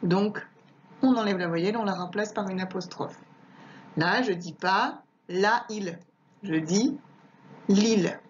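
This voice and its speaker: A woman teaching a young child at home, speaking slowly and patiently as she repeats each word and sounds out the letters. Her voice sits at an ordinary pitch for a woman. The recording is dull and lo-fi, with a faint hiss underneath. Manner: slow, patient, repeats words and spells out letters.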